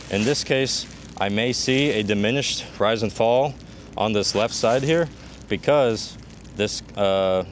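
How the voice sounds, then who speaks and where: A man's voice: mid-range voice, a little hiss or hum. A man working as a combat medic instructor, giving a hands-on demonstration and methodically explaining each step.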